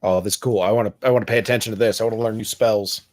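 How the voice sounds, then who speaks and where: A man's voice: on the low side, fairly even intonation, rapid-fire, no echo. A man playing a tabletop game who is eager and jokey as he chats. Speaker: player. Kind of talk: casual tabletop play.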